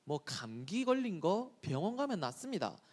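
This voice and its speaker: A man preaching a sermon to children, asking them questions and answering himself, slowing down when he quotes scripture. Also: high voice, big pitch swings, a little mellow.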